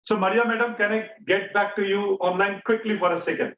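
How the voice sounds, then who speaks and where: A man's voice: high-pitched, steady tone, a little fast, fairly bright tone, dull audio. A man with an Indian accent teaching an online class interactively, repeating key phrases and questions for emphasis. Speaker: online bootcamp instructor. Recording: echoey, distant mic, faint noise.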